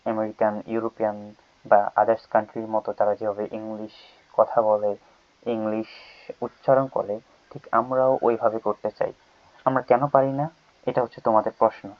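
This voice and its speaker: A man teaching a casual lesson on letter sounds, who explains slowly and repeats each sound several times. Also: lowish voice, no echo. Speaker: English teacher. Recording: tinny phone-like sound.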